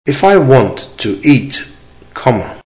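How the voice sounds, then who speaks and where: A man reading a dictation exercise as a teacher, in short, measured, deliberate phrases with punctuation spoken aloud. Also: medium pitch, sing-song, a little mellow. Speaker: language teacher giving dictation.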